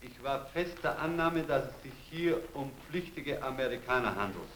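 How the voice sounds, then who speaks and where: A man's voice: mid-range voice, animated, moderate pace, fairly bright tone. A man giving testimony as a defendant in a courtroom. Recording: echoey, noisy archival courtroom audio.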